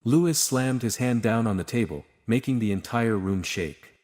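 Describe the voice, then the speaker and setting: A man narrating a dramatic storybook tale in a steady, scripted reading. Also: mid-range voice, normal speed.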